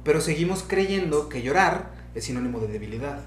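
A young adult man with a Mexican Spanish accent hosts a loose, profanity-laced conversation, slipping into his own inner voice as he tells stories. His voice sits a bit high for a man. The room is echoey, with a faint hum behind him. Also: brisk. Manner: swearing, animated, acts out his own inner voice. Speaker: podcast host. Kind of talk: casual interview chat.

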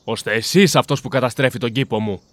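A man's voice: on the low side, dry recording, lightly acted. A man playing a poor, hard-working farmer and father in a storybook reading, plain and heartfelt. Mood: angry. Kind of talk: storybook character voice.

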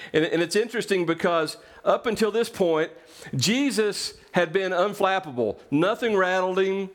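A man preaching a sermon as pastor, earnest and repetitive, building phrases one on another. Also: on the high side.

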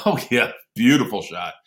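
A middle-aged man, a former airman, telling lively anecdotes in a casual conversation and chuckling often. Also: medium pitch, slow. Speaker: podcast guest, former military airman.

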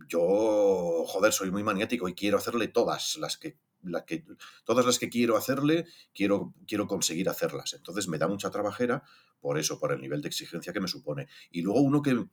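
A man, a voice actor chatting casually in an interview, animated and self-deprecating with casual swearing. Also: deep voice, husky. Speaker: voice actor guest.

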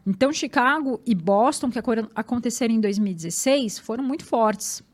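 A woman with a Brazilian Portuguese accent, a guest and marathon runner, telling her story in an animated, emphatic way and often repeating words. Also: fairly high pitch, brisk. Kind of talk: personal storytelling in conversation.

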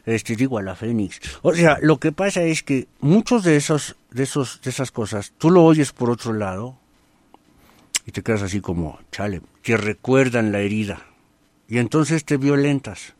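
A man with a Mexican Spanish accent talks in a casual, colloquial way on radio, mid-pitched and fairly dry. He asks his listeners rhetorical questions and acts out everyday scenes as he goes. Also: animated, normal speed, darkish tone, no echo. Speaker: radio host. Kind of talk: casual self-help talk.

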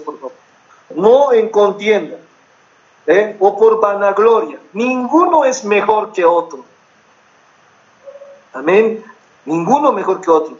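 A middle-aged man with a high voice preaches to his congregation, earnest and repetitive, stopping often to ask whether they follow. The recording is dull and lo-fi. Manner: earnest, repetitive preaching with frequent check-in questions. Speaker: pastor. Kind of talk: sermon.

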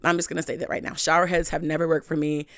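A young woman hosting a podcast, telling a candid personal story in a frank, chatty way, full of "like" and animated swings in pitch. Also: racing, dry recording, studio quality. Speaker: podcast host.

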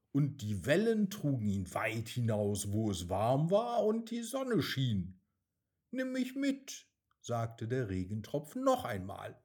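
A man narrating a children's fable slowly, with very lively intonation. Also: medium pitch, slightly rough. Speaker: storyteller.

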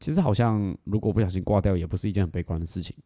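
A man chats fast and frankly on a podcast, with a mellow, dark tone at a mid pitch. He drops casual swears and laughs at himself as he talks. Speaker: podcast co-host.

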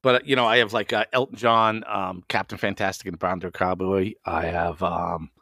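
A man co-hosting a music show in casual chat, excitable and quick to react with exclamations. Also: sits low, no echo, studio quality. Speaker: podcast co-host.

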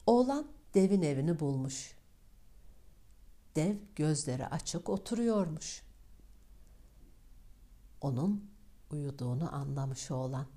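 A woman narrating a fairy tale in a calm, measured reading. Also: deep voice. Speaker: storyteller.

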